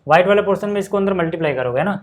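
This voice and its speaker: A man with a high, animated voice races along while teaching maths at a board. He is chatty, explains things step by step and often checks whether the class is following.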